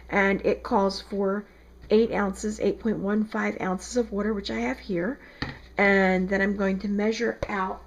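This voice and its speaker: In her second-floor home kitchen, a soap maker with a South Jersey accent chats casually through a recipe tutorial, saying "um" frequently. Her mid-range, creaky voice comes through lo-fi with a little hiss or hum.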